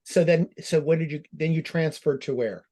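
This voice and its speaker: A man's voice: a little high, normal speed, warm tone. A man moderating a panel discussion, prompting guests with friendly questions and frequent restarts.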